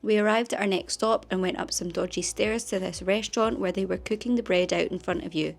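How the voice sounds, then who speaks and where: A woman's voice: mid-range voice, creaky. A young Scottish woman narrating her travel vlog in an upbeat, chatty way. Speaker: travel vlogger.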